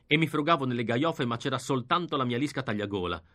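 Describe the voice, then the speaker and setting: A man reading an audiobook, narrating in a lively, expressive first-person style. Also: mid-range voice, fast. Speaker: reader.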